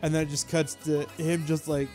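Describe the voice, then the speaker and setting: A man's voice: on the high side, level tone, brisk, darkish tone, soft background music. A man chatting casually about a film, rambling with lots of fillers and frequent laughter. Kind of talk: casual chat.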